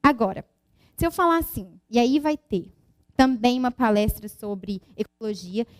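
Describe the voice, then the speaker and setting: A woman's voice: fairly high pitch, normal speed, no echo. A woman physicist giving an informal conference talk, chatty and full of tag questions and restarts, explaining with everyday examples.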